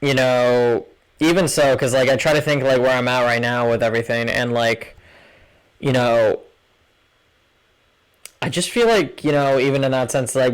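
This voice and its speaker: A man's voice: mid-range voice, steady tone, normal speed, clear, resonant tone, poor audio. A man, co-hosting a casual podcast and rambling with lots of filler words. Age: 20s. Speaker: podcast co-host. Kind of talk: casual chat.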